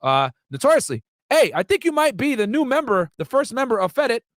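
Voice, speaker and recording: A man's voice: extremely high pitch, sing-song, a little fast, very noisy. A young man from the United States hosting a casual livestream, talking to viewers with lots of fillers and asides. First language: Arabic. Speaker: livestream host.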